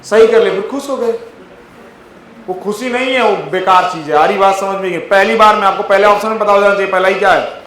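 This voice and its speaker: Guy teaching bio in a classroom, high voice, keeps checking if the class gets it, roomy echo. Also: brisk, fairly bright tone, slight background noise. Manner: coaxing, repeatedly asks the class if they follow. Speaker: biology teacher. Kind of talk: classroom test-solution lecture. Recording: echoey classroom.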